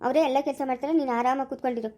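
A performer with a Chikkaballapura Kannada accent playing a young husband in a family home drama skit, talking in a soft, low-key, coaxing way. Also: steady tone, very fast, close to an everyday voice. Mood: soothing. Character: young husband, soothing and reassuring.

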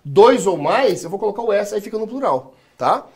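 Animated, husky Brazilian teacher man. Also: high-pitched, normal speed. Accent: Brazilian Portuguese. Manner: drills the class with call-and-repeat, quizzing students; playful, joking with students. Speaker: English teacher. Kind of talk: live classroom lesson.

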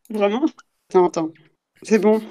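A woman's voice: medium pitch, slow pace, warm tone. A woman of twenty-one from Switzerland, chatting casually as a caller on a livestream. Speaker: viewer calling into a livestream. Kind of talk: casual chat.

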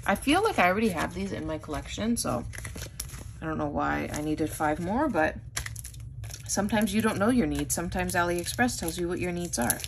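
A chatty young woman with a lowish voice talks her way through an unboxing haul, gushing and peppering her speech with "like" while she has the hiccups. A faint hiss sits under the recording. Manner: chatty, says "like" often, gushing over items. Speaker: haul vlogger. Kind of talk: casual unboxing chat.

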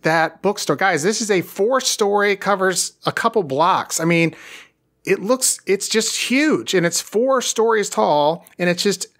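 Here a man with a high, expressive, fairly bright voice hosts a business podcast. His casual interview with a guest is enthusiastic and meandering, full of drawn-out phrasing.

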